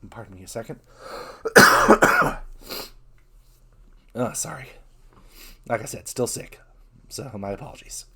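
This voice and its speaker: A man talking openly in a casual vlog, his voice rough from being sick, earnest and halting, often restarting his sentences. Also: medium pitch, darkish tone. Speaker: VTuber.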